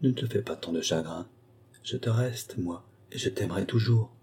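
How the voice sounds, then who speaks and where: A man voicing a devoted young boy who speaks softly and earnestly in a storybook reading. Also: on the low side, lively intonation, moderate pace, close to an everyday voice. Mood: pleading. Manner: soft, earnest pleading.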